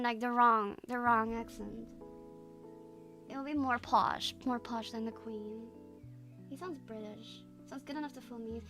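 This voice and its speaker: High, bright, giggly woman streamer. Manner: giggly, chatty, laughs often. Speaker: streamer reacting to videos. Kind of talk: casual reaction commentary.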